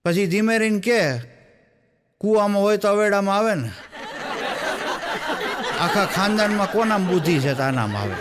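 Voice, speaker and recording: A stand-up comedian who tells folk stories and acts out the people in them, throwing quick asides to the audience. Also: male voice, high voice, expressive, heavy background noise. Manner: storytelling in quoted voices, with the audience laughing along; tosses quick asides to the crowd. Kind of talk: Gujarati folk comedy storytelling on stage.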